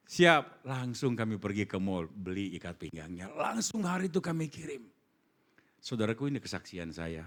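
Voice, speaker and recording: A man with an Indonesian accent, a pastor preaching a sermon in a church, joking with the congregation and calling out scripture. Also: lowish voice. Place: church hall.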